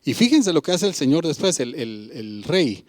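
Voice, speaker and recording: Animated man preaching a sermon. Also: on the high side, moderate pace, no echo. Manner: emphatic preaching, often asks listeners "¿verdad?"; retells a Bible parable and comments on each part.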